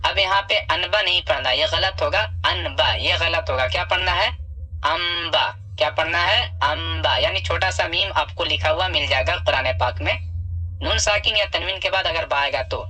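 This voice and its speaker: A man teaching Quran reading step by step. He talks patiently, draws out key sounds slowly, and asks and answers his own questions. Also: fairly high pitch, pushed and bright, husky, faint music behind, rough recording. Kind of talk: step-by-step recitation lesson.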